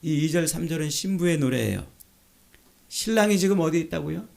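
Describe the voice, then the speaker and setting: A man's voice: fairly high pitch, expressive, fairly quick, gravelly, a little mellow. A male pastor preaching a sermon, emphatic, asking the congregation rhetorical questions and leading them in reading scripture aloud.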